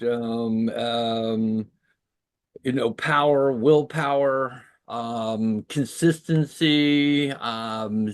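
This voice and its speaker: A man who teaches martial arts, chatting on a video call, halting and searching for words with many fillers. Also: mid-range voice, clear, resonant tone. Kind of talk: casual chat on a video call.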